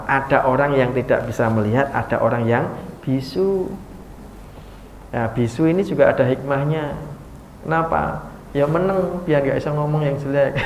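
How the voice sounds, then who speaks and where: A man preaching with a Javanese accent in an informal study talk, lively and joking, swinging between loud emphasis and soft asides. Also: on the high side. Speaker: Islamic preacher. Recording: echoey hall with faint noise.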